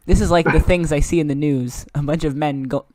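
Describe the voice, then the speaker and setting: A man's voice: a little high, steady tone, a little fast, darkish tone, no echo. A man reading his own story aloud, often breaking into giggles.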